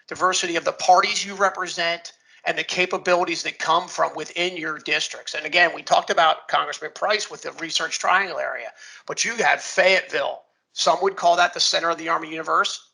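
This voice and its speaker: A man with a gravelly, fairly high voice and a bright, forceful edge gives an informal presentation. He talks in a folksy, emphatic way as he hosts the event. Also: rough recording. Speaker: presenter and moderator of a launch event.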